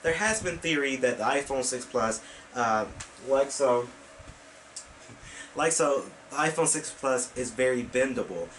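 On a rough recording with a little hiss or hum, a young man talks casually to camera for his weekend vlog from a small bedroom with a computer desk. His medium-pitched voice is expressive, unhurried, and a bit bright. He uses his hands while talking and rambles with many fillers and restarts.

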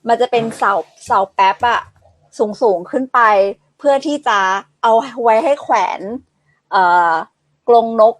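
A woman with a somewhat high voice, recalling memories hesitantly in a casual podcast chat. The sound is dry and close, with no room echo. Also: measured pace. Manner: reminiscing, hesitant with fillers. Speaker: podcast co-host.

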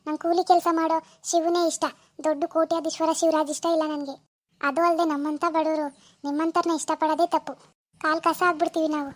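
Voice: high voice, little pitch movement, fast, no echo, natural voice. A woman playing a hurt young village woman who bitterly turns down her deceiving lover on a phone call. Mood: reproachful. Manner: reproachful, refusing, bitter. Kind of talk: amateur phone-call drama.

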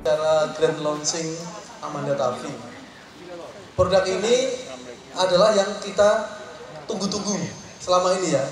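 A middle-aged man with a high voice speaks emphatically, phrase by phrase, to farmers. Loudspeakers make him boom across the outdoor venue, heard from afar with a crowd around. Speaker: company official speaking at launch. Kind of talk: public speech at a farm product launch. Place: outdoor tent event in a village. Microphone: handheld mic through loudspeakers. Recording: booming PA echo, distant, crowd around.

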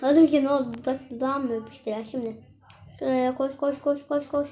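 High-voiced young woman playing a game. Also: steady tone, brisk, dark tone. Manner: chatty, exclaiming as she plays. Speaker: gaming channel host. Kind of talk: casual game commentary.

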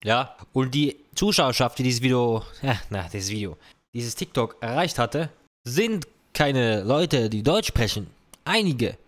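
A man's voice: medium pitch, lively intonation, a little slow. A young man, reacting casually to comments on his own video, dropping slang and English phrases. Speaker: content creator.

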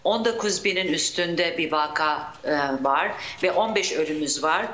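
A woman's voice: fairly low pitch, moderate pace, a bit bright, reverberant, slight background noise. Woman calling into a radio show. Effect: radio show caller on a phone line. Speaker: caller to a broadcast from abroad. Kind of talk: casual live phone report. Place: at home.

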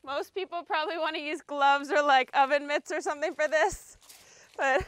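Standing by a grill on an outdoor deck, a cooking instructor in her thirties talks her way through a casual, chatty demo while she works. She has a high voice with a fairly bright tone and a moderate pace.

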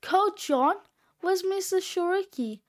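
A woman's voice: very high voice, expressive, slow, voice pushed up, exaggerated voice. A woman reading aloud, voicing a cocky, wisecracking sixth-grade boy. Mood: smug. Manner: smug, wisecracking.

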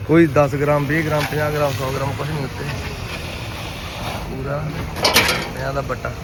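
Out at a grain market, a Punjabi-accented farmer and vlogger from Punjab, India, chats with those around him while narrating a casual vlog. His voice is on the high side with little pitch movement and a slightly fast pace, and the poor audio carries a noisy crowd, loud vehicle engines and outdoor ambience.

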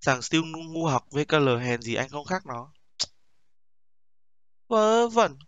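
A man's voice: mid-range voice, normal speed, a bit bright, dull audio. A young man streaming a video reaction, telling boastful joking stories with constant swearing. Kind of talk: casual profane stream banter.

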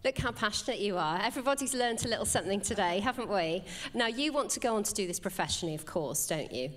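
A woman's voice: mid-range voice, animated, fast talker. A woman hosting an awards ceremony, presenting winners and asking upbeat, encouraging questions. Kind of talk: presenting and on-stage interviewing.

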